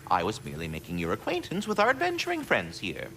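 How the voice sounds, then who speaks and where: An actor voicing a courteous, eccentric creature in a video game, speaking in a formal, wordy way. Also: male voice, on the low side, wildly swooping pitch, quick pace, vocal fry, bright, forceful tone, long reverb tail, faint music behind, heavily acted. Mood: prim. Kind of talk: video game character acting.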